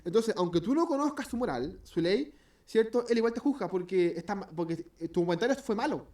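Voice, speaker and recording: Rambling Chilean preacher, off-mic. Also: male voice, sits high, lively intonation, brisk, darkish tone, far from the mic. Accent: Chilean Spanish. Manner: rambling, hesitant, with many restarts and self-corrections; jokey, acts out little scenes. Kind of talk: informal sermon. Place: church.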